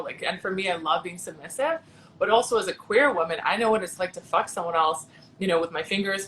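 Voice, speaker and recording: A woman's voice: fairly low pitch, a bit bright, slight background noise, low-quality recording. A woman hosting a live video-call interview, speaking frankly and emphatically and swearing freely. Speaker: host. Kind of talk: casual interview chat.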